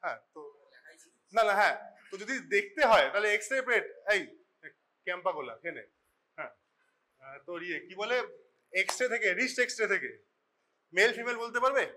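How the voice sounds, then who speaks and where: This Bengali-accented lecturer addresses medical students in a college classroom, and his informal teaching is talkative and reproachful, with frequent mid-sentence slips into English. He speaks in a high, very animated voice, a little fast and sharp-toned, with long pauses.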